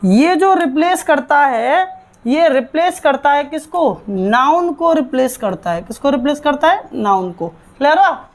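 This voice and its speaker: A woman's voice: high voice, expressive, unhurried. A woman teaching an online English grammar lesson, drilling terms and answering her own quiz questions.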